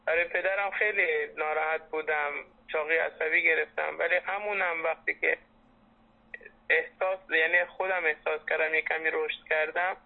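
A man in his twenties talks on a landline phone, his voice slightly high and quite even in melody. He sounds earnest and reflective, as in a serious personal conversation, through a narrow, muffled line. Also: vocal fry. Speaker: interviewee, former patient. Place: telephone call.

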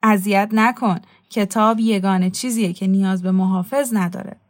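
A woman's voice: medium pitch, fairly even intonation, dry recording, studio quality, natural voice. A woman reading a cheeky, mocking young man in a storybook, voicing him in a teasing, blunt way.

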